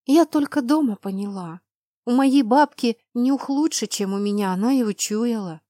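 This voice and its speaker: A woman's voice: on the high side, normal speed, warm tone, no room sound, clean studio sound, pitched above the performer's own voice, lightly acted. A woman voicing a stubborn young werewolf girl. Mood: upset. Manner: pleading, sulky outbursts.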